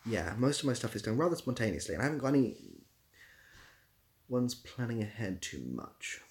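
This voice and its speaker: Brisk and darkish in tone, the medium-pitched voice of this young British man rises and falls in big swings. He's chatting on a livestream, reacting to viewer comments with dry humor and a bit of rambling.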